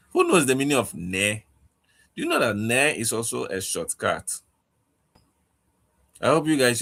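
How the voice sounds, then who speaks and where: A man teaching a casual online language lesson, speaking haltingly and often checking in with "okay?". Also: mid-range voice, creaky, sharp tone, breathy edge.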